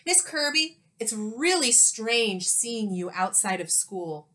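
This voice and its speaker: A woman's voice: on the high side, expressive, slow pace, bright, forceful tone, heavily acted. A woman voicing a small, polite, earnest schoolboy in a storybook.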